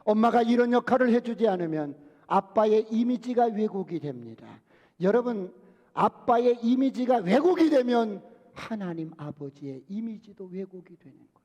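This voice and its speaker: High-voiced pastor preaching in a hall. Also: male voice, big pitch swings, normal speed, darkish tone. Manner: asks the congregation questions and answers them. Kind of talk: sermon. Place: church sanctuary. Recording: long church hall reverb.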